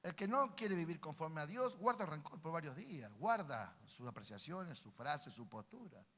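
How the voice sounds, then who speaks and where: A pastor with a Rioplatense Spanish accent delivers a sermon in a somewhat high, bright, forceful voice. He calls out to the congregation for responses and swings between emphatic peaks and hushed passages. The sound carries the long reverb of a church sanctuary. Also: very animated, moderate pace, breathy edge. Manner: preaching with call-and-response to the congregation.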